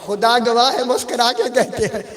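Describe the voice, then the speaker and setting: A man's voice: very high-pitched, steady tone, moderate pace, a bit bright. A man gives a majlis sermon, telling stories and speaking straight to his listeners. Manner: conversational storytelling, addresses the audience directly. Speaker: religious scholar giving a majlis sermon. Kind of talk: Urdu majlis sermon with anecdotes. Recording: long reverb of a hall.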